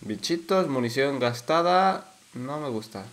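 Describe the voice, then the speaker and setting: Excitable Canary Islands Spanish gamer. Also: male voice, medium pitch, unhurried. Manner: excitable, swears and shouts at enemies. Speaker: let's play gamer. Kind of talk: casual gameplay commentary.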